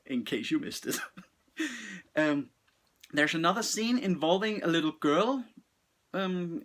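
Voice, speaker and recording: A man giving a casual, unscripted film review, halting and restarting often and swearing bluntly. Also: high voice, fairly bright tone.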